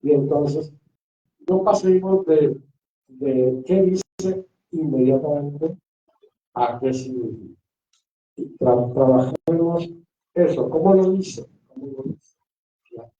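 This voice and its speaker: A pastor gives a Bible workshop lecture to a class, repeating rhetorical questions for his students. He speaks slowly with long pauses in a mellow voice on the high side. The echoey room and distant, dull lo-fi mic shape the recording.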